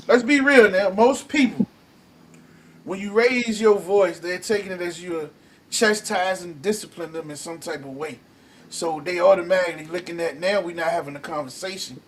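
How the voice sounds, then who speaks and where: A man with a slightly high voice runs a casual call-in discussion, scrolling through viewer comments as he goes. His delivery is loose and excitable, jumping up in volume when he drives a point home. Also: a little hiss or hum. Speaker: podcast host reading live comments. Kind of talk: casual chat.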